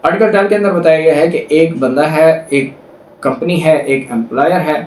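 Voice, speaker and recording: A man with a Pakistani accent gives a law lecture, his voice on the high side with a darkish tone. He reads statutes in slow, deliberate English, then explains them more quickly in Urdu laced with English legal terms. The room echoes and the mic sits far away.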